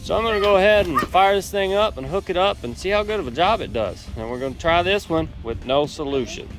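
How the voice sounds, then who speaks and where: A man's voice: high-pitched, animated, quick pace, loud music behind the voice, poor audio. A man in a casual product review vlog, talking in a laid-back, rambling way on his driveway while wearing a camera. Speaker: home improvement vlogger. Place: outdoors on a driveway. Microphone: body-worn camera.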